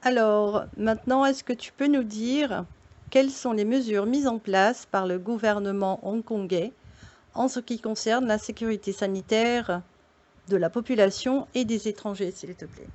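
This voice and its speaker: Chatty woman host, slightly high voice. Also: moderate pace, a little mellow, dull audio. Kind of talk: show introduction and interview questions.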